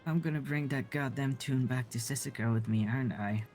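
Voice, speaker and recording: A man's voice: mid-range voice, a little fast, a little mellow, slight background noise. A man in a western roleplay as a fellow prisoner, grumbling with wry complaints. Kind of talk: in-character western roleplay chat.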